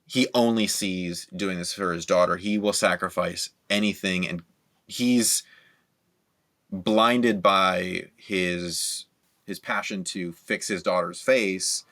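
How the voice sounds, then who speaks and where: A man talking casually with friends about a film on a podcast, lively and full of quoted reactions. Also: deep voice, takes it slowly. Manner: animated, talks in bursts with restarts and quoted reactions. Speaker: podcast co-host.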